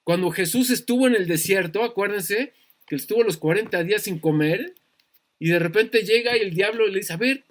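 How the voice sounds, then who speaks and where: A man with a Mexican accent teaching a Bible study sermon, animated and full of rhetorical questions. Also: sits high, normal speed. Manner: animated, acts out voices, asks rhetorical questions.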